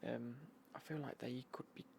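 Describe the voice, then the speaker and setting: A British man speaks in a hushed, breathy whisper that often drops into a very gravelly, creaky murmur. He chats informally, as in an ASMR unboxing, rambling along with understated remarks. Faint noise sits behind his voice. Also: medium pitch, steady tone, moderate pace. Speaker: ASMR vlogger showing golf clothing.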